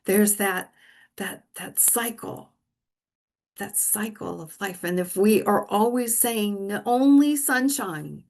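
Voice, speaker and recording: A woman's voice: mid-range voice, fairly even intonation, slow pace. A middle-aged woman minister giving a sermon in an earnest, conversational way, often restarting her sentences.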